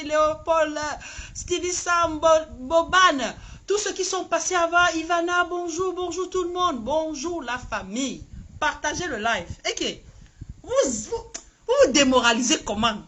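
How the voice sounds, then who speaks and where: A woman's voice: sits high, pushed and bright. A woman hosting a casual political live stream, rallying her viewers and often laughing.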